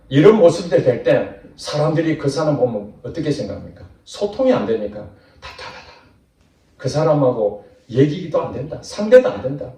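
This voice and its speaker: Male pastor, sermon, animated delivery, echoey church hall, distant mic. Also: on the high side. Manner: animated preaching with voiced asides of imagined people. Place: church sanctuary.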